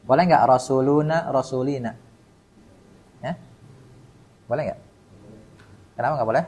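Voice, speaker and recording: Man, husky voice, Arabic grammar lesson, call-and-response drilling, calls on students by name. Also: mid-range voice, a little slow, a little mellow, rough recording. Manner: quizzes students by name, repeats terms for the class to finish. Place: mosque study session.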